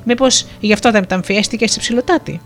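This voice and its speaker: A shy, well-mannered young fisherman in a storybook, as a woman narrator reads him. He speaks softly and politely. Quiet music sits faintly behind. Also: fairly high pitch, natural voice. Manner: soft-spoken and courteous.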